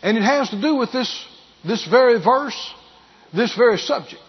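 A pastor preaching a sermon, repeating key phrases for emphasis and building to loud bursts. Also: male voice, extremely high pitch, animated, normal speed, breathy edge, highs cut off.

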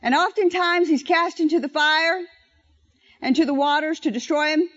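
In a dull, lo-fi recording, a high-voiced woman delivers an animated sermon, getting the crowd to echo her lines in call-and-response. Whenever she reaches scripture, she slows down to emphasize each verse.

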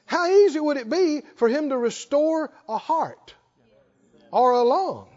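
A man's voice: very high-pitched, expressive, unhurried, darkish tone, highs cut off. A male pastor preaching a sermon, emphatic, prompting the congregation with short questions.

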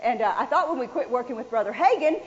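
A woman preaching a sermon, telling a personal story in a folksy, animated way. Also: high-pitched, fast. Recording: dull sound with long hall reverb.

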